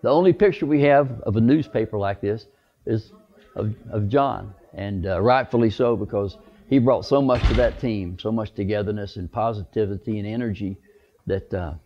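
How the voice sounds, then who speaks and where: A man's voice: on the low side, normal speed, dull audio. A man from a university's athletics staff, recalling a former player in a documentary interview.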